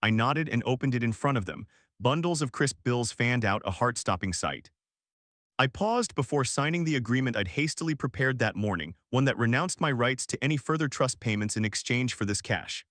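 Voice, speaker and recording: Brief: male storyteller, measured first-person narration, mid pitch, dry booth sound. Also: lively intonation, fairly bright tone, dry recording.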